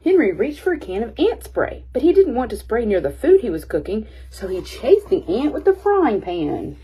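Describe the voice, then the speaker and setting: Reading a picture book to children, this expressive storyteller speaks at a moderate pace. Her voice is on the high side with a slightly rough edge.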